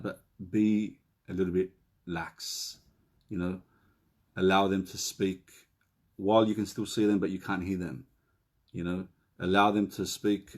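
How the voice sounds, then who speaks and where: Low-voiced man counselling in a live Q&A. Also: a little mellow. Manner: conversational, reads out viewer questions; slows down and repeats key phrases. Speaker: relationship counsellor. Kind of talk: live Q&A session.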